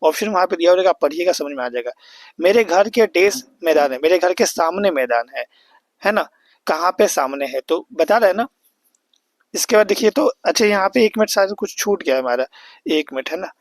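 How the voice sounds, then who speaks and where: A man's voice: high-pitched, expressive, fairly quick, no echo. A young man teaching an exam-prep grammar lesson, explaining step by step and often checking in with his students.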